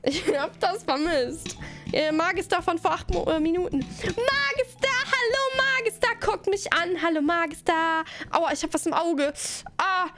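A woman's voice: very high voice, steady tone, normal speed, a bit bright, soft background music. A woman streamer chatting casually with her live audience, bubbly and giggly, rambling from one thing to the next.

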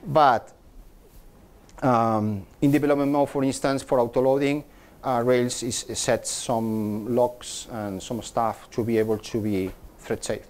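A middle-aged man with a medium-pitched, slightly mellow voice delivers a technical talk at a meetup, where a projector screen is set up. As a conference speaker, he tends to repeat words and restart his explanations.

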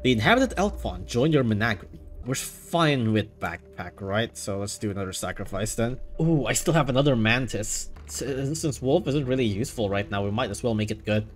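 Excitable man doing game commentary. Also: medium pitch, moderate pace, few pauses. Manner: excitable, bursts into laughter and exclamations. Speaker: gaming YouTuber. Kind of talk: let's play commentary, reading game text aloud.

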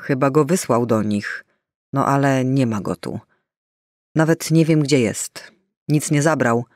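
A man's voice: medium pitch, measured pace, no echo, natural voice. Audiobook role: a jilted middle-aged mother, bitter and snapping, read by a man, close dry mic. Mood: stunned. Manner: bitter, shaken, flaring into anger.

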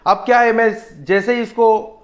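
A man's voice: extremely high pitch, fairly even intonation, moderate pace. A man owning a tool shop, explaining step by step and telling viewers to look while he demonstrates a laser leveler. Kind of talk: casual product demonstration. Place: small tool shop room with shelves, indoors. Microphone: handheld camera filmed by another person. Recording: echoey room, slightly dull, faint noise.

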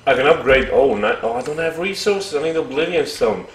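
Man, gaming commentary, excitable, thinks aloud, mid pitch, roomy echo, faint game music. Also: a little fast, a little hiss or hum. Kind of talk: casual let's-play commentary.

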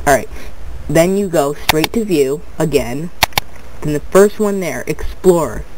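A young tutorial video maker with a stuffed-up nose chats casually through a screen recording at a measured pace. His voice is a little high with lively intonation, and he rambles, restarts words, and falls back on "but anyway," with background noise behind him.

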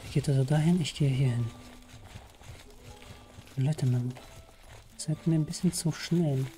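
A man commenting live on his video game, chatty and excitable, often exclaiming. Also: a little high, a little slow. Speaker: let's play gamer. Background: game music.

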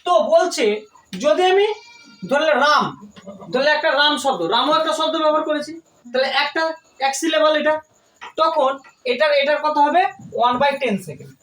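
A woman's voice: high voice, moderate pace, long pauses, fairly bright tone. A woman tutor teaching a classroom lesson, explaining step by step and often asking her students questions. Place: tuition classroom. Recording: echoey room, distant mic, faint noise.

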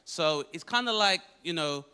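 A man delivering roast insults on stage with deadpan setups and hesitant pauses. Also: a little high, smooth. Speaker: roast battle comedian. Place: comedy club stage before live audience. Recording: loud crowd and noise.

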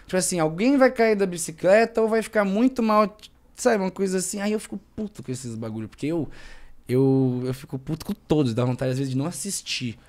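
A young man and actor, chatting casually as a podcast guest in a slangy, rambling, animated way. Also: high-pitched, brisk.

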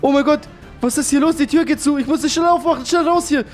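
A young man with a fairly high voice narrates his game role-play. He is excitable and keeps repeating his exclamations. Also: quick pace, faint music behind. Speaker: gaming YouTuber.

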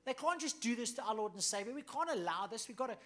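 A male pastor from South Africa preaches in a punchy, emphatic manner, swinging from loud bursts to hushed asides and often checking in with "okay?" and "right?". His very high voice is expressive and quick.

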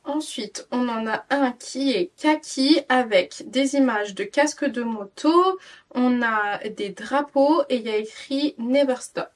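A woman's voice: on the high side, measured pace, far from the mic. A tired woman in her twenties chatting casually through a clothing haul vlog, rambling with many fillers and restarts. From France. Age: 20s. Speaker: parenting vlogger.

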